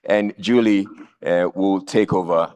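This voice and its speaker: Male forum moderator, lowish voice, exhorting a live audience, repeats key lines. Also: steady tone, a little slow, a little mellow, smooth, in a large hall. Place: conference room with audience.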